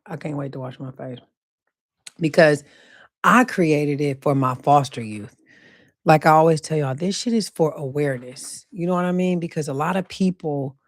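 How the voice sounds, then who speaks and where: A woman hosting her own podcast, talking casually and loosely about faith, slowing down to repeat her key points with emphasis. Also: sits low, no echo, clean studio sound. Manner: slow emphatic repetition of key phrases, casual and profane. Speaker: podcast host. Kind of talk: casual faith-themed monologue.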